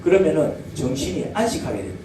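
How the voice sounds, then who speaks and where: A pastor's fast, mellow voice sits on the high side and swings widely in pitch as he preaches. He poses questions to the congregation, who answer in call-and-response. The echoey church hall is recorded from a distant mic, with background noise.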